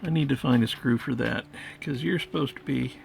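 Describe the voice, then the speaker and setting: Over background noise, a man with a creaky, medium-pitched voice talks at normal speed while fixing vintage tape recorders as a hobby. He mumbles casually to himself and to the device he's repairing, reasoning aloud as he works.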